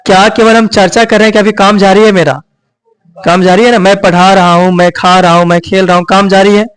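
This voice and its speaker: A male coaching teacher gives a grammar lesson in a high, light, lilting voice with a level, clean tone. Nearly every point comes with a quick comprehension check, usually "ठीक है" or "यही ना," and he often asks his students questions only to answer them himself.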